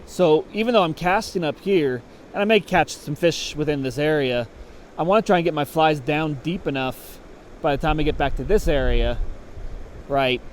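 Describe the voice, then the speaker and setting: Fly fishing instructor, man, slightly high voice, casual outdoor demo with faint road noise. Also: normal speed. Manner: casual, explanatory, thinking aloud. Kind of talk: on-the-water instruction. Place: outdoors at a creek.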